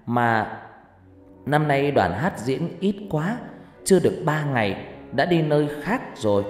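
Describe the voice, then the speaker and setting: A man's voice: on the high side, animated, measured pace, echoey room, big-room sound, faint music behind, pitched above the performer's own voice. A man voicing a tired, scolding country mother who nags her children. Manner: gruff nagging with tired sighs. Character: weary scolding rural mother.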